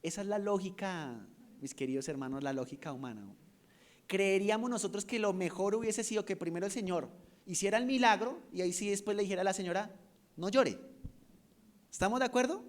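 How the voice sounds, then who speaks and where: Man preaching, high voice, rhetorical questions, loud then hushed. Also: fast talker. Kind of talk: sermon.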